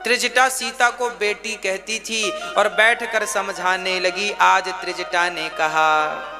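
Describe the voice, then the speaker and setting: High-voiced male devotional preacher. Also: slow pace. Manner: expressive, rhetorical questions. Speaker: religious storyteller. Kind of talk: devotional sermon. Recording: music playing behind.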